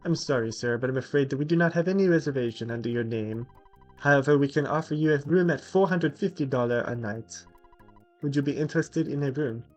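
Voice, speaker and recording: A man's voice: medium pitch, a little fast, faint music behind, natural voice. A man voicing a snooty male hotel assistant manager with a put-on French accent, formal and overly polite.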